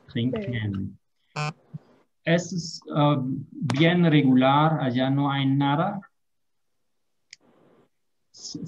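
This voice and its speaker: A man teaching an online language lesson, drilling verb forms slowly and carefully. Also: medium pitch, a little mellow, dull audio. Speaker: German teacher.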